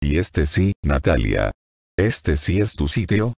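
Male narrator voicing a hardened woman agent, dry and mocking, extremely low voice with a dry studio sound. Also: big pitch swings, takes it slowly, vocal fry, a little mellow, dry recording, full character voice. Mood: cool, sardonic. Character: Russian woman agent, hardened, sardonic captor.

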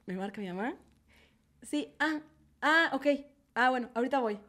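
A young woman with a Mexican accent tells a dating story to friends in a casual chat. Her voice sits high, and she slips into the people she quotes as she goes. The talk is loose and full of fillers. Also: moderate pace. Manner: animated storyteller acting out quotes, lots of fillers. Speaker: co-host.

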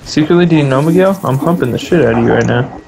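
A man hosting casual gaming chat over a headset, excitable and quick to shout and laugh. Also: fairly high pitch, gravelly, noisy background. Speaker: gaming channel host.

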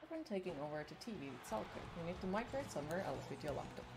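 A woman's voice: lowish voice, very animated, quick pace, background noise. A young Finnish woman with a Finnish accent, chatting casually and sarcastically while streaming a game, swearing often. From Finland. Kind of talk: casual gaming stream chat. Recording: game music playing behind.

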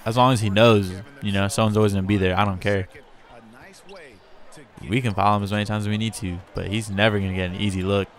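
A man hosting a casual gameplay commentary, chatty and talking straight to his in-game players, with bursts of excitement. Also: on the low side, fast. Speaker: gamer and channel host.

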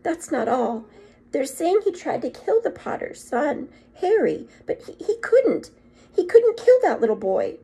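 A woman's voice: sits high, sing-song, unhurried, warm tone, voice pushed up, heavily acted. A woman voicing a stern, exasperated older witch professor in a storybook, speaking emphatically and indignantly. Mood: shocked, tearful.

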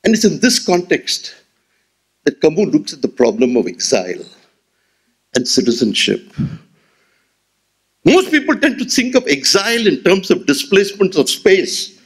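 A man in his sixties with an Indian English accent delivers a memorial lecture from an auditorium podium, speaking into a gooseneck mic with rhetorical flair. His voice sits fairly high, moves at a normal speed, carries a breathy edge and pauses often. He is expressive and gestures as he talks.

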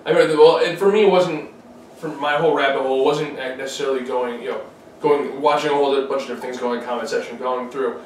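A man's voice: medium pitch, steady tone, quick pace. A young man co-hosting a podcast, rambling with many restarts in casual chat at a dining table. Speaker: podcast co-host. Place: dining room at night, around a table. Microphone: far camera. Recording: roomy, distant, faint hiss.

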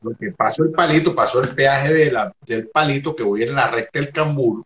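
A Venezuelan man telling a comic anecdote in an animated way, acting out shrieks and laughing often. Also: mid-range voice, normal speed. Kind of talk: animated storytelling. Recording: echoey room, faint noise.

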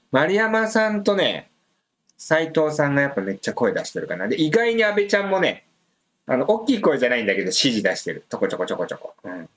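Chatty man with a lively pitch. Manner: chatty, muses aloud with many fillers, reads viewer comments. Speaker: livestream host previewing a soccer match. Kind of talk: casual live-stream chat.

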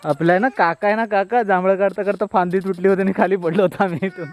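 A man's voice: high voice, quick pace. A man in his thirties from Konkan, chatting casually as he vlogs a village visit with his little daughter. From Konkan, Maharashtra. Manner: chatty, talks to his small daughter in a lively sing-song. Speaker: vlogger. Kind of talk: casual walking vlog.

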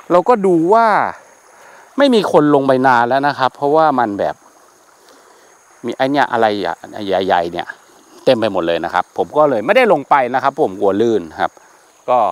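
Chatty man exploring a campsite. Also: mid-range voice. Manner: chatty and candid, with frequent exclamations and mild swearing. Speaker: camping vlogger. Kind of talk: casual walk-and-talk campsite review. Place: outdoors at a rural riverside campsite. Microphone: small handheld mic on an action camera.

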